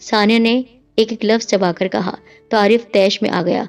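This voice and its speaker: A woman's voice: medium pitch, steady tone. A woman narrating a dramatic family story in a scripted reading. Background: faint music.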